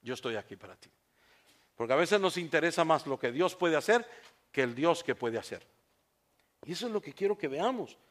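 Animated high-pitched male preacher. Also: a little fast. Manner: animated, storytelling, rising to emphatic peaks. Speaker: pastor. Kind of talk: sermon.

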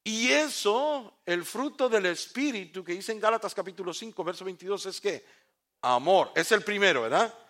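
A man preaching a sermon, swinging from hushed tones to shouts and asking the congregation rhetorical questions. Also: high voice, animated, normal speed.

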